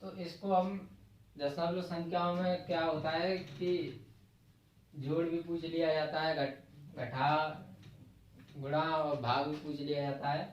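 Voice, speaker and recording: A man's voice: on the high side, fairly even intonation, takes it slowly, long pauses, a little hiss or hum. A man with a Hindi accent from the Agra region teaching a math lesson in a classroom, explaining step by step and counting digits aloud. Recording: very echoey, distant, dull lo-fi room sound.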